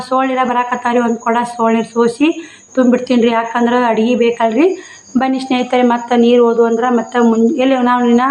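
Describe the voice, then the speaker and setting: A woman's voice: fairly high pitch, roomy sound, a little hiss or hum, poor audio. A woman, talking plainly to her viewers in a casual daily-life vlog from her village home, repeating herself often. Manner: plain, repetitive, addresses viewers as friends. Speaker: vlogger.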